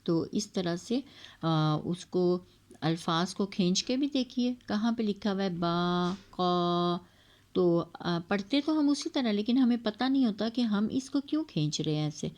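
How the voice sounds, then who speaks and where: A woman teaching Quran reading, patiently explaining and drawing out example sounds slowly, with English words mixed into her talk. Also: medium pitch, expressive, darkish tone. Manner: mixes English words into Urdu. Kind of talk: explaining lesson.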